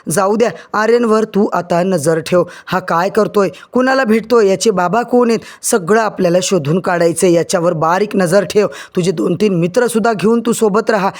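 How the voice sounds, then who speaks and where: A man's voice: high voice, moderate pace, hardly any pauses, lightly acted. A man voicing a scheming old uncle who bosses the household in a retold serial. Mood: commanding.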